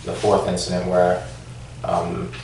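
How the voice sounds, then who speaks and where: A low, gravelly man answers questions at a formal hearing in a flat, hesitant way, full of fillers and restarts. His voice sits far from the mic in an echoey room with faint hiss behind. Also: unhurried. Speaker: former police officer answering questions.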